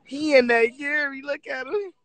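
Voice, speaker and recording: A man with a Chicago accent joking and bantering in a recording studio, excitable and laughing often. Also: moderate pace. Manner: excitable, laughing, high-pitched chatter. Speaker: rapper in studio session. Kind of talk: casual banter. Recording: crowd talk behind.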